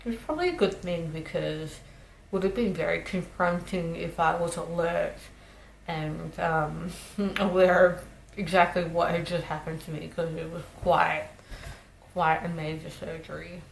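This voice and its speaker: Woman chatting casually to her vlog, lots of vocal fry, echoey room w faint noise. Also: lowish voice, steady tone, unhurried. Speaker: vlogger recovering from jaw surgery. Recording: roomy echo, faint background noise.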